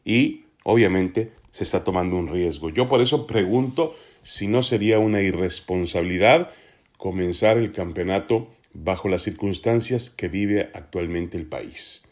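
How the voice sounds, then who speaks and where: Male sports commentator, fairly low register, serious opinion delivery, measured and emphatic. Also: a little mellow. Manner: earnest, deliberate, emphatic. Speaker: sports podcast host.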